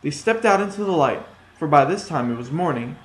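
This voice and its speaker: A man's voice: a little high, expressive, fairly quick. Man telling a story in an echoey room. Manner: plain, somewhat hesitant. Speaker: storytelling student.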